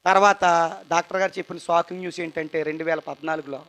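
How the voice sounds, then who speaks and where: High-voiced young man giving a church testimony. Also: steady tone, very fast. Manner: earnest, swings between loud outbursts and quiet asides. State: tired. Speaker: testimony speaker at a church youth meeting. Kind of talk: emotional testimony sermon.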